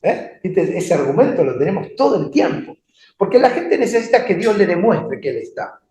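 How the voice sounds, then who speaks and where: A man preaching in a Rioplatense Spanish accent, his voice sitting a bit high. He talks in a loose, conversational way and keeps asking his listeners questions. The room around him is echoey. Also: normal speed. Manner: conversational, animated, asks the congregation questions. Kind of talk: sermon.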